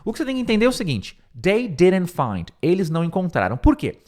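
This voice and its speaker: Man, Brazilian Portuguese accent, English teacher, fairly high voice, step-by-step explaining, close mic. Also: wildly swooping pitch, darkish tone. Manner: explains step by step, repeats words slowly to drill pronunciation. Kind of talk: informal online lesson. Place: room with a window, at home. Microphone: close microphone.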